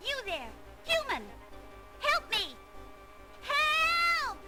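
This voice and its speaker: Very high-voiced haughty damsel. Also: female voice, huge pitch swings, drawn-out words, pushed and bright, full character voice. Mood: terrified pleading. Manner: imperious, melodramatic, formal. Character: haughty young winged noblewoman, distressed captive damsel. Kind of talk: video game character acting. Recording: game audio under music.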